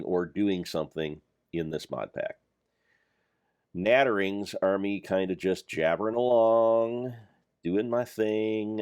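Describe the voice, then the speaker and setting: Playing a Minecraft mod pack, an older man keeps up a meandering, self-mocking, joking commentary. He speaks in a deep voice with a darkish tone, captured as clean studio sound with no echo.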